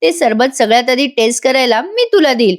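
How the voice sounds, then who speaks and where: A woman voicing a scheming young daughter from a TV serial, calm and knowing. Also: high voice, brisk.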